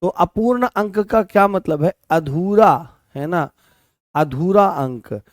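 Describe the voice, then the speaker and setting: Recorded dry at studio quality, this Rajasthani man has a high voice and an expressive, slow delivery. In his online exam-prep class on Hindi grammar, he repeats phrases, fixes his own slips, and answers the questions he asks.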